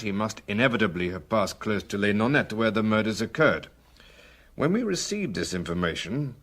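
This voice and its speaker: In a British radio crime drama, an actor plays a methodical, respectful male police superintendent who delivers formal, measured reports. His voice is lowish and a bit bright.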